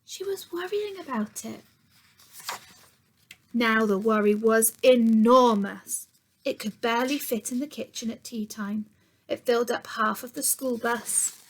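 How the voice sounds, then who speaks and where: Reading a picture book to young children the way a teacher would, a woman performs expressively, now and then going hushed and asking her listeners questions. Her voice sits a little high and creaks, and the rough recording carries a faint hiss or hum.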